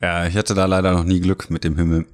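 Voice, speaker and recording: A man hosts a conversational interview in a deep voice. He has a mild cold that leaves his throat a little scratchy. He talks as a podcast host putting questions to a guest. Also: flat delivery, fast.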